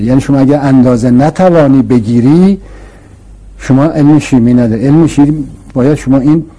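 A man's voice: mid-range voice, dark tone, breathy edge. A man explaining philosophical ideas to an interviewer in a patient, emphatic way, with rhetorical questions and repetition. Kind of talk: explanatory conversational lecture.

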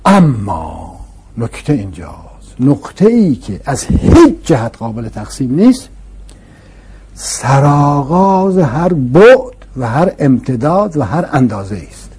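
A man's voice: mid-range voice, sing-song, darkish tone, slightly rough. A man explaining philosophical ideas to an interviewer in a patient, emphatic way, with rhetorical questions and repetition. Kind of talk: explanatory conversational lecture.

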